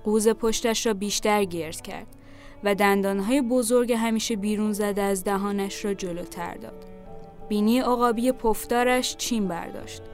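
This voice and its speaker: A woman narrating a literary short story in a calm, even storytelling manner. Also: mid-range voice, soft background music.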